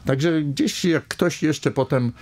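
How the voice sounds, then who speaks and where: A man's voice: a little high, slow, a little mellow. An older man, a village mayor, talking in a radio studio interview at a desk microphone, rambling with many hesitations and fillers. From Poland.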